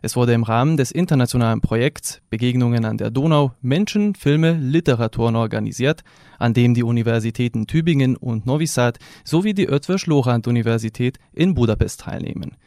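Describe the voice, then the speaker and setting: A man presenting a scripted radio news report in a formal, even reading voice. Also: medium pitch, brisk, no room sound, studio quality.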